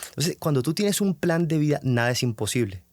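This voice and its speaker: A young Colombian man hosts a motivational podcast, his voice fairly high and brisk with no room sound. Animated, he tells his own story and acts out the questions he once asked himself.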